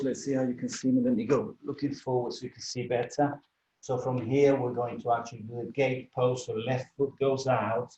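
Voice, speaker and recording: A man's voice: mid-range voice, dark tone, slight background noise. A man instructing a yoga class in a conversational way, correcting himself as he demonstrates the moves. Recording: echoey room, dull muffled sound.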